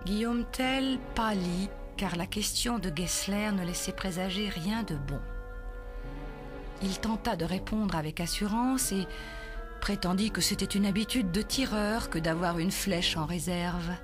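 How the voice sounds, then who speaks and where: A woman narrating a children's story in a measured, dramatic way. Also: mid-range voice. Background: music.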